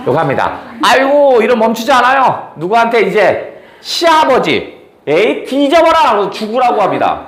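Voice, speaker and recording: A male teacher lectures on classical prose with a high voice that leaps around. He tells the story bluntly and casually and keeps asking the class rhetorical questions. The room has a strong echo. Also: a bit bright, a little hiss or hum. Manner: casual, blunt speech with slang.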